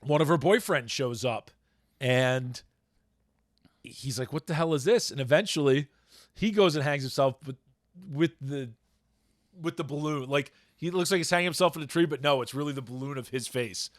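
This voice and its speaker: A man's voice: medium pitch, normal speed, dry recording, studio quality. A man hosting a podcast in casual chat, rambling and searching for words as he recaps plots. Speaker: podcast host.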